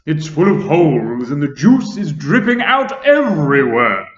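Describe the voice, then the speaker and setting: A man voicing a fretful old male grasshopper, loud and wailing. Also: fairly high pitch, big pitch swings, measured pace, pitched above the performer's own voice. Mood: alarmed. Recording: roomy, dull lo-fi sound.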